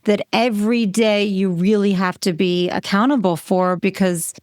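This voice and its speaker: A woman's voice: mid-range voice, fairly even intonation, moderate pace, a little mellow, no room sound, studio quality. A woman co-hosting a podcast, chatting casually with a Jersey accent and telling stories. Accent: New Jersey. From New Jersey. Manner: chatty, storytelling, quotes herself. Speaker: podcast co-host. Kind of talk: casual chat.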